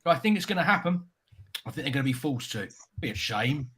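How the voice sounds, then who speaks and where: A man chatting casually as a panellist in a hot wings challenge, his mouth warming from spicy food as he talks. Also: a little high, big pitch swings, fast talker. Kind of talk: casual chat.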